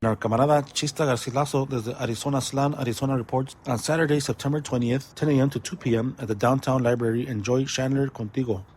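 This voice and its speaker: A man's voice: mid-range voice, fairly even intonation, fast, few pauses, slightly rough. A man hosting a community events segment, reading out announcements, dates, phone numbers and web addresses. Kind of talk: read announcements.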